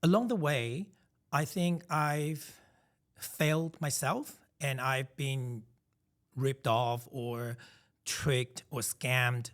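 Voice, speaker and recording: Speaking extremely slowly in a medium-pitched, fairly bright voice, a man in his thirties originally from Taiwan co-hosts a relaxed podcast conversation. His stories are emphatic and reflective, marked by many restarts.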